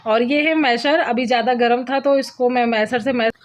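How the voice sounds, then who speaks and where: A woman's voice: on the high side, steady tone, normal speed. A young woman with an Uttar Pradesh Hindi accent, casually narrating a home cooking vlog and explaining each step with fillers. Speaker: vlogger. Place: home kitchen.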